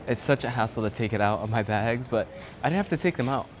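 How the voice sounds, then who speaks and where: A man's voice: medium pitch, expressive, fast, a little hiss or hum. A man talking casually to the camera as a travel vlogger in airports and on planes, chatty and easygoing. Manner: chatty, easygoing, rambling with fillers. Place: airports, planes and a shuttle bus. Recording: background music under the voice. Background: music.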